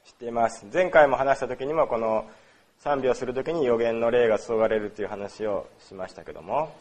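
A mid-range, darkish voice belongs to a pastor from Osaka preaching on worship. His delivery is chatty, heavy on fillers, and he often asks the congregation questions.

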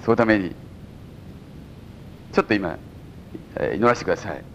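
A man with a Mikawa Japanese accent preaching a sermon as pastor to a congregation, with sudden high exclamations and chuckles. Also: lively intonation, normal speed, muffled recording, slight background noise. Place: church service before a congregation.

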